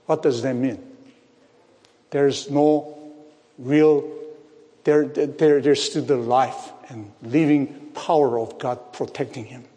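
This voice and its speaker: A man preaching a sermon, speaking slowly, repeating phrases and asking his listeners rhetorical questions. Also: mid-range voice, steady tone, mellow. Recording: long hall reverb.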